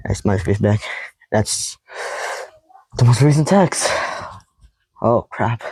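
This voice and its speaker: A young man vlogging casually to camera, reading out old text messages in a rambling, halting way with heavy sighs. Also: mid-range voice, slightly rough, no room sound, rough recording. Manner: quoting text messages in a flat tone.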